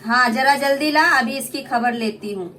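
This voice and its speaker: A young woman voicing a harsh, greedy older mother-in-law in a puppet play, shrill and scolding. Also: moderate pace, bright, forceful tone, a little hiss or hum.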